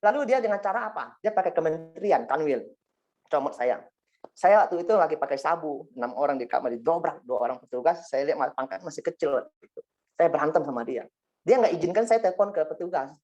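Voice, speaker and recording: A man's voice: a little high, expressive, fast, a little mellow. A man giving a spoken testimony to a congregation, telling his story in a rambling way with frequent asides to the listeners. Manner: rambling storytelling, frequent 'ya kan' and 'singkat cerita' asides. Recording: dull lo-fi recording.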